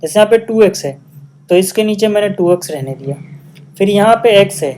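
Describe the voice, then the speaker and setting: A man's voice: high-pitched, animated, fairly quick, a little mellow, a little hiss or hum. A man with a Hindi accent teaching a maths lesson step by step at a whiteboard, often checking that students follow and mixing English maths terms into his Hindi. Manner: patient, step-by-step explaining with frequent check-in questions.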